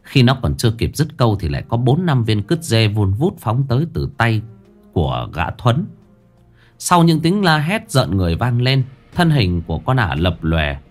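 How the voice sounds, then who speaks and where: A man narrating a ghost story in a dramatic, lively way. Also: medium pitch, normal speed, soft background music.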